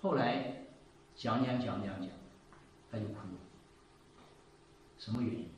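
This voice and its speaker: A man in his seventies giving a sermon and telling a story, moving between loud exclaiming and quiet asides. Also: lowish voice, unhurried, distant mic, a little hiss or hum. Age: 70s. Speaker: preacher. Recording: echoey room, voice from off the mic.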